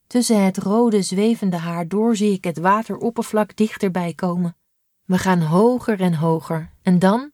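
A woman narrating a first-person audiobook in a steady, measured way. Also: mid-range voice, no echo, studio quality. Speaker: audiobook reader.

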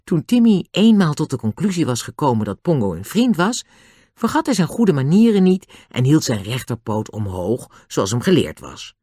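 A narrator reading a children's storybook aloud with expressive, animated narration. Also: mid-range voice, normal speed, slightly rough, no room sound, studio quality. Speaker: audiobook narrator.

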